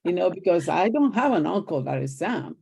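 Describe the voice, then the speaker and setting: An older Nigerian woman, a retired teacher, tells stories as an interview guest in a lowish, husky voice with vocal fry and a fairly quick pace. Her Nigerian accent comes through as she animatedly acts out quoted exchanges in conversational storytelling.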